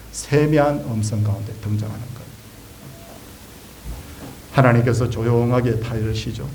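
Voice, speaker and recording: A man preaching a sermon as pastor, animated, asking rhetorical questions and acting out quoted speech. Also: medium pitch, slight background noise.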